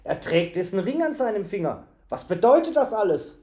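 A man's voice: fairly high pitch, animated, normal speed, dark tone, lightly acted. A man voicing a flustered innkeeper. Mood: bewildered. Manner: agitated, questioning. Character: excited male innkeeper, bewildered and pressing.

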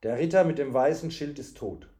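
A man reading aloud, voicing a calm, earnest young male messenger. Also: mid-range voice, fairly quick, natural voice. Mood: solemn.

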